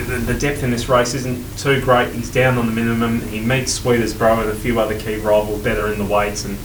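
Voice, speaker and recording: A man working as a racing tipster, giving horse form analysis and selections in conversation. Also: medium pitch. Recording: roomy, distant mic, faint noise.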